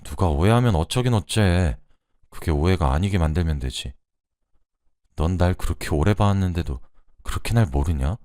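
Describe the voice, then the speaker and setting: A man voicing a reserved, blunt middle-aged man who speaks low and quietly in a radio drama reading. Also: animated, moderate pace, no room sound, studio quality. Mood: tender, gruff.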